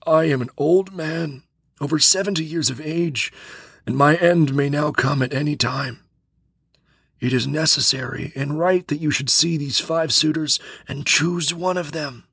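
A man voicing an old bamboo cutter over seventy, gentle and pleading, speaking slowly and earnestly to his foster daughter. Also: on the high side, gravelly, husky, no room sound, voice pushed up, full character voice.

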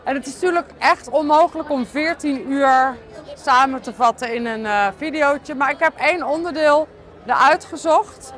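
A woman hosting her podcast in a candid, casual video diary, tired and halting, with many fillers. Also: high-pitched, a bit bright, some chatter behind. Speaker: podcast host.

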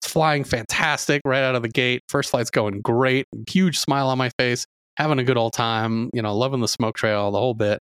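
A man's voice: medium pitch, fairly even intonation, moderate pace, hardly any pauses, fairly bright tone, clean tone, dry recording, clean studio sound. A middle-aged man hosting a podcast in casual chat, telling long stories full of fillers. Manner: rambling storyteller, lots of fillers. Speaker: podcast host.

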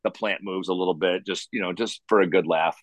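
Fast-talking man, dry sound. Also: deep voice, steady tone, no echo. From Chicago. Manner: rambling, lots of "you know" and restarts. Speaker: musician guest. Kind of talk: casual interview chat.

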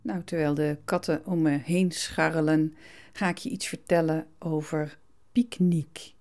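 A woman hosts her gardening podcast from a home studio, chatting casually and often pausing or starting her sentences over. Her voice sits fairly low with a mellow, relaxed tone. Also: soft background music. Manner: chatty, frequent hesitations and restarts. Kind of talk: casual storytelling monologue. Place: home studio with cats around.

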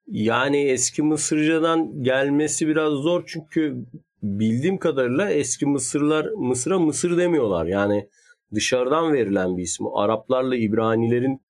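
A man's voice: mid-range voice, normal speed, darkish tone. A man in casual conversation, explaining history at length in a thoughtful, hedging way. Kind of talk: casual chat.

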